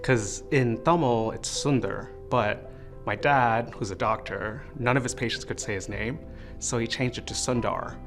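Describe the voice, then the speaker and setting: An American man at a mid pitch gives thoughtful interview answers and tells his stories with animation. Music plays clearly behind him. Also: a little slow. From United States. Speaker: interview guest.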